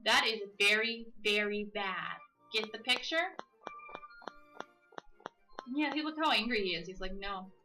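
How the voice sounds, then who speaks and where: A woman with a bright, crisp voice reads a story game's narration and dialogue aloud. She cracks jokes between lines and stretches out key words for comic effect. Faint game music plays beneath her. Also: a little high, rough recording. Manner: playful, drawls dialogue slowly for comic emphasis. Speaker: let's play host. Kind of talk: reading a visual novel aloud with casual commentary.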